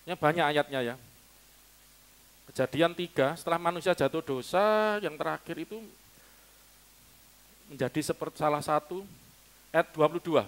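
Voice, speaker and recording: A man's voice: on the high side, moderate pace, pauses often, fairly bright tone. A man preaching a sermon to his congregation, teaching casually, quizzing listeners and laughing now and then. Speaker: pastor. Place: church hall.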